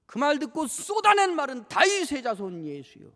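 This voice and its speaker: A male pastor with a very high voice preaches in a church sanctuary, and his words ring with a long hall reverb. He acts out the scripture scenes and keeps turning to the congregation with rhetorical questions. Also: huge pitch swings, moderate pace, bright, forceful tone. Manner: dramatizes scripture, acting out rebukes and pleas. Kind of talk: sermon.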